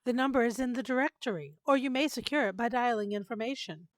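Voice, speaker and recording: Woman as a high-voiced, impassive telephone operator. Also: fast, lightly acted. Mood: formal, unmoved. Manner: formal, detached. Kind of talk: retro radio drama acting.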